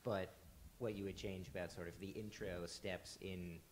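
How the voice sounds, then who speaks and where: A man in his thirties in a conference room asking a question through a handheld mic, hesitant with many pauses and fillers. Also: deep voice, steady tone, a little hiss or hum. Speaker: audience member asking a question.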